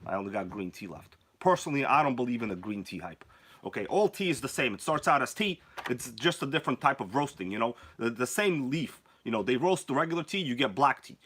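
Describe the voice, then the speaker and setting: Though a cold has worn his voice down, this man hosts a casual stream with animated energy, joking and greeting viewers by name. His mid-range voice is fast, bright and forceful, with a breathy edge.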